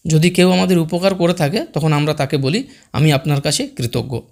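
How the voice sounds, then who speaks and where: A man teaching spoken English in Bengali, saying each English phrase slowly and repeating it. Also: a little high, darkish tone. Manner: says English phrases very slowly and twice over.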